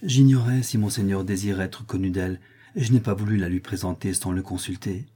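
A man's voice: low-pitched, a little fast, warm tone, husky. A man voicing a loyal, bluff old squire. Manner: protective, bluff. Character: loyal, kind-hearted old gentleman squire. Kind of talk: audiobook character voice.

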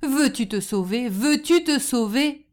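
A woman's voice: medium pitch, normal speed, a little mellow, close to an everyday voice. A woman voicing an angry crowd of shoemakers and tanners, scornful and jeering.

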